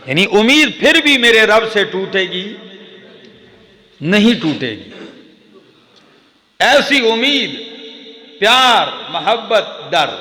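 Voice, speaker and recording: A Pakistani man delivers a sermon as an Islamic preacher in a melodic, chanting style, with emphatic repeated lists. His voice is high-pitched and bright with a forceful tone, echoing through a hall with long reverb.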